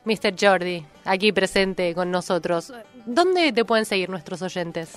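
A woman's voice: mid-range voice, expressive, unhurried. A woman, hosting a radio interview and prompting the guest with questions. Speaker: radio host. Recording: radio studio with faint music.

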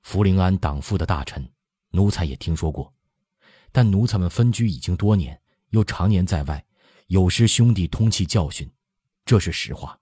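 A man giving voice to a contrite young noble general in an audiobook, low and dark, earnest and self-reproaching, with a husky edge. the reader keeps close to his own deep voice. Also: animated, moderate pace, no room sound.

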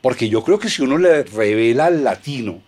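A man's voice: medium pitch, lively intonation, fairly quick, darkish tone. A man with a Colombian accent in casual conversation, explaining ideas in a mock-philosophical way and acting out little quotes.

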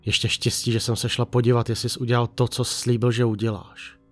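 A man reading the part of a weary, reproachful young wife in a quiet, subdued voice. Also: medium pitch, flat delivery, soft background music, natural voice.

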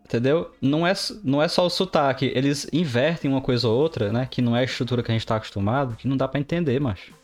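A man, co-hosting a casual podcast chat and telling stories with lively mimicry of how others talk. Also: medium pitch, fast talker, hardly any pauses, soft background music. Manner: animated storyteller, mimics others' phrasing. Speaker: podcast co-host, developer.

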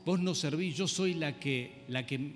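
A man's voice: a little high, a little slow, big-room sound, faint music behind, natural voice. A man preacher voicing a spiteful first wife, mocking her rival in his own voice. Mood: taunting.

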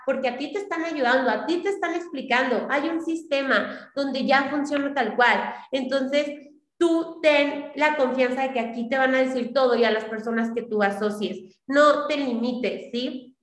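A woman's voice: high voice, normal speed, a bit bright, echoey room. A young adult woman giving a motivational business talk on a video call, coaching and repeating her points with frequent checks for agreement. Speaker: business team leader.

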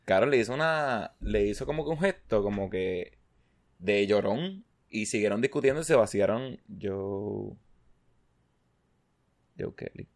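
A man, casually chatting as a podcast co-host and telling animated stories, swearing constantly and mimicking the people he talks about. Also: on the low side, measured pace. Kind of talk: casual chat.

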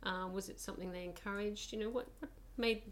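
A woman's voice: mid-range voice, fairly even intonation, fast talker. A woman hosting a podcast interview, introducing her guest and asking encouraging questions. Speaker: podcast host.

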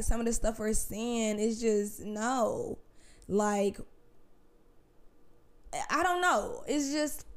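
Candid young woman podcasting, slightly high voice. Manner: candid, conversational, addresses listeners as y'all and sis. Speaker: podcast host. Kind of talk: casual solo podcast talk.

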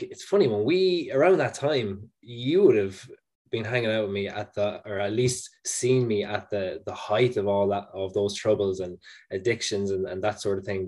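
An Irish man with a County Mayo, west of Ireland accent and a fairly low voice. He talks as a podcast guest, reflective and conversational, telling personal stories casually. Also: a little mellow. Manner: reflective, conversational, peppered with "you know" and "man". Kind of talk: casual interview, personal storytelling.

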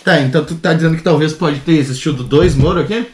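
A man's voice: fairly high pitch, quick pace. A man, co-hosting a podcast in casual joking chat, laughing often. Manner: joking, lively, laughs a lot. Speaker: podcast co-host. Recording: echoey room with faint noise.

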